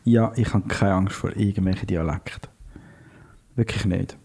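A man's voice: deep voice, moderate pace, creaky, darkish tone, husky. A man with a Swiss German accent co-hosting a podcast, chatting casually in a joking, playful way. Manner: joking, playful, mock-meditative. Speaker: podcast co-host. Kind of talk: casual chat.

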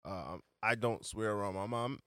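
A man in his late twenties in a casual chat, blunt and slangy, quick to agree. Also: on the low side, a bit bright, no echo, clean studio sound. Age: late 20s.

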